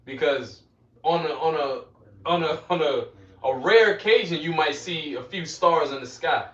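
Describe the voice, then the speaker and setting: A preacher teaches scripture interactively, speaking emphatically, repeating phrases, and prompting the people around him. His voice is a little high, a bit bright, and unhurried. The recording is dull and echoey, captured far from the mic.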